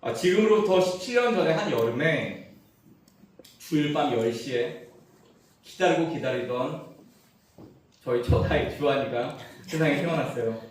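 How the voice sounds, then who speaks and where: A middle-aged male pastor preaches in a church sanctuary, his fairly high voice rising and falling in lively swings. He jokes through a family story, dropping to hushed asides and then pushing out emphatic punchlines. The sound is heavily echoey and picked up from some distance. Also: normal speed, pauses often. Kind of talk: sermon. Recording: roomy church echo, mic at a distance.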